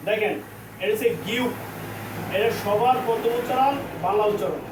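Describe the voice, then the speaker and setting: Male teacher drilling letters; high voice, echoey classroom. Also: noisy background. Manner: repeats letter names slowly, drilling. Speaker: language teacher. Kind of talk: classroom lesson. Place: training center classroom. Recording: echoey room, mic at a distance.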